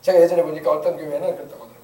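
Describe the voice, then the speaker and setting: High-voiced joking male pastor, echoey hall. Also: level tone, racing, warm tone. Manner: folksy, joking, mimics grumbling church elders. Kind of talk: sermon. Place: church sanctuary. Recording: echoey church room, mic at a distance.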